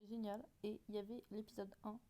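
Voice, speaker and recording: A woman's voice: medium pitch, flat delivery, brisk, dark tone. A woman chatting casually and hesitantly as she reacts to her own old videos, often mocking herself.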